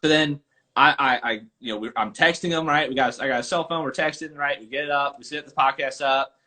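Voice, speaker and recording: A man, a golf coach and podcast host, telling stories in an animated casual chat over a live video call. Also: on the high side, brisk. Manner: animated, chatty storyteller.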